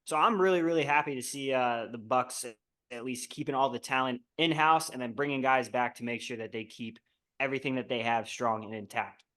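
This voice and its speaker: A man's voice: mid-range voice, brisk, fairly bright tone. A young man co-hosting a casual sports betting podcast, talking eagerly about his favorite team and movies. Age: young adult. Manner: enthusiastic sports fan talk. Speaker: podcast co-host. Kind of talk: casual chat.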